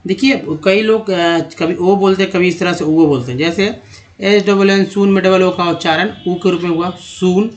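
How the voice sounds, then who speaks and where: A man teaching English pronunciation over slides, drawing out and repeating sounds slowly so learners can copy them. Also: high voice. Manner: drawn-out, repeating words slowly to show pronunciation. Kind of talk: slide-based phonics lesson.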